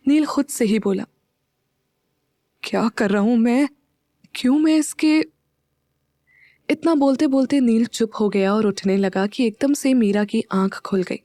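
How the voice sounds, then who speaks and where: A woman narrating a scripted audio story in an even, measured way. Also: mid-range voice, dry recording, studio quality.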